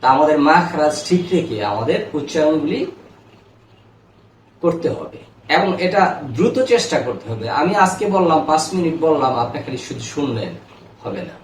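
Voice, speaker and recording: A man gives a spoken reading lesson, sounding out syllables slowly and deliberately for learners to repeat. His voice sits a little high. He is recorded from a distance in an echoey room with a faint hum of ambience behind him. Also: lively intonation. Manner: slow, drawn-out syllable drills for learners. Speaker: Quran reading teacher.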